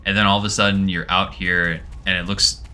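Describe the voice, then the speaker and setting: Laid-back man with a bright tone. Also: sits low, little pitch movement, brisk. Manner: laid-back, swears casually, rambling. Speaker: podcast co-host. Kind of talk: casual chat.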